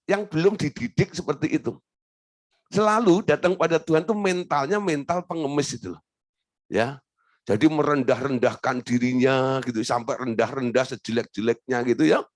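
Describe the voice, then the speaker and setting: A man preaching a lively sermon as pastor, acting out whiny beggar prayers with humor. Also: high-pitched, no echo, studio quality. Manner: animated, acts out whining prayers in a mocking voice.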